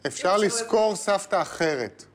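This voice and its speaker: A man's voice: sits high, animated, crowd noise. A middle-aged man hosting a casual, humorous interview in a teasing, provocative way. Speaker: host, interviewer. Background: prominent music.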